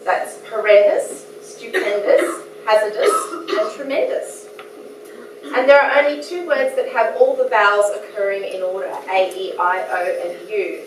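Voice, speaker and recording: In an echoey lecture hall, captured by a mic set some distance away with background noise, an Australian woman speaks as a guest lecturer. Her medium-pitched delivery runs a little slow as she keeps her academic talk chatty and self-deprecating, laughing between points.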